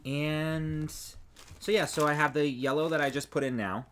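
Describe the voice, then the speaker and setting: A man's voice: a little high, normal speed, slight background noise. Male podcast co-host, easygoing, shows his crochet while chatting. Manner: relaxed, trails off and restarts while showing work. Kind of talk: casual chat about crochet.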